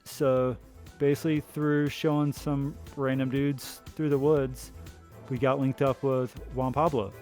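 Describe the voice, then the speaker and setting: A man hosting a podcast in casual chat, relaxed, with short affirming replies. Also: mid-range voice, a little slow, faint music behind. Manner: relaxed, brief affirming interjections. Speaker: podcast host.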